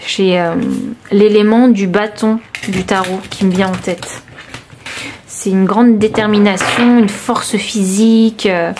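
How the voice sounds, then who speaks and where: A woman reading tarot cards for her viewers, talking straight to them in a searching, reassuring way with many pauses and restarts. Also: mid-range voice, steady tone, darkish tone, a little hiss or hum. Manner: intimate, reassuring, addresses viewer directly. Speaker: tarot reader. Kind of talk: intuitive tarot reading to camera.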